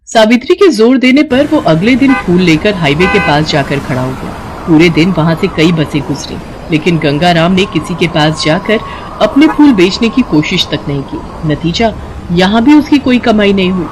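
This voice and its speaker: In an expressive storytelling style, a woman narrates a scripted children's story. Her voice sits fairly low and she keeps a moderate pace, with a noisy background behind her.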